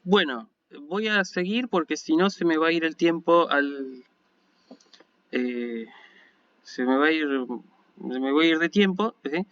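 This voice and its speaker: A man's voice: fairly high pitch, slow pace, long pauses, fairly bright tone. A man with an Argentine Spanish accent giving an online university lecture, explaining patiently and often checking in with listeners. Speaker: university lecturer in Ancient Greek. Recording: dull lo-fi recording.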